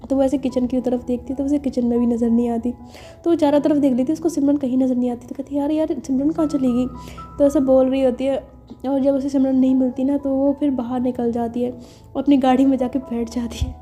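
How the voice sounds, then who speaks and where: A woman's voice: high-pitched, little pitch movement, fast, mellow, faint music behind. A woman telling a romance story in a chatty, casual way with frequent fillers.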